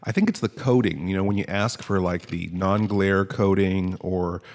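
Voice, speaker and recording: A man's voice: low-pitched, steady tone, moderate pace. A man hosting a comedy podcast, chatting casually and rambling, often stammering and restarting his sentences. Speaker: podcast host.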